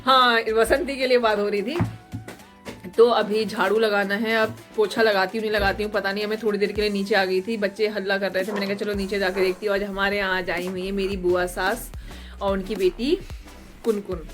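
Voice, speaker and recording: Young woman vlogger, hoarse from a cold, chatty running commentary over soft background music. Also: medium pitch, flat delivery, brisk. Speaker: family vlogger. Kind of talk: casual home vlog narration.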